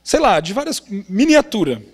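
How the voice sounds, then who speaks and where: A young adult Brazilian man preaching as a pastor, telling a family story in an animated way and often ending phrases with a tag question. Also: high voice, moderate pace, husky. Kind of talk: sermon storytelling. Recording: long reverb of a large hall.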